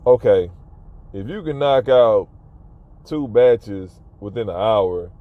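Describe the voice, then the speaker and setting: A man vlogging casual advice to fellow delivery shoppers, talking emphatically and repeating himself to drive his points home. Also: on the low side. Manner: emphatic, repetitive, advising viewers directly. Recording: tinny phone-like audio with faint car noise.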